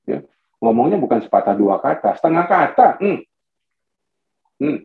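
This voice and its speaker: A man's voice: mid-range voice, a little fast, gravelly. A middle-aged man, a pastor and marriage counselor, telling stories in a webinar talk and acting out the dialogue. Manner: animated storytelling, acting out quoted dialogue. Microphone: video call. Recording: tinny, echoey video call audio.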